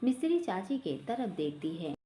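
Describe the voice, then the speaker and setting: A woman narrating a family story in an expressive storytelling manner. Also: mid-range voice, unhurried, a little hiss or hum.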